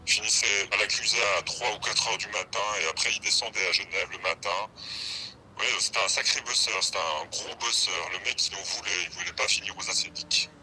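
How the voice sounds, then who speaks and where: A man's voice: fairly low pitch, fairly quick, bright, forceful tone, slight background noise, rough recording. A man whose voice is disguised by a voice changer, an anonymous former business associate giving loose, colloquial interview answers with fillers.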